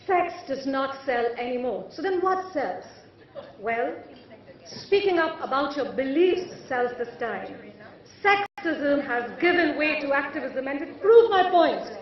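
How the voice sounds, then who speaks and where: A woman giving a formal podium speech to an audience, theatrical and rhetorical, with deliberate pauses and repetition. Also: sits high. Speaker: conference keynote speaker. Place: large event hall. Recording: echoey hall, distant mic, muffled.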